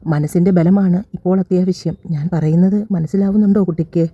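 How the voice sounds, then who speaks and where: Narrating a scripted romance for audio, this woman handles all the characters' lines herself, her voice lifted a little. Her pitch is fairly low and her delivery brisk, even, and slightly rough, in a dry, dull lo-fi recording with no room sound.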